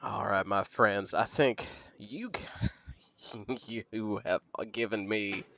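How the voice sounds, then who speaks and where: A man's voice: lowish voice, fairly even intonation, takes it slowly, gravelly, bright, forceful tone, dull audio, slight background noise, exaggerated voice. A man voicing a gleeful, foul-mouthed woman who keeps a ritual chamber in a tabletop game, chatty and rambling. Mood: delighted.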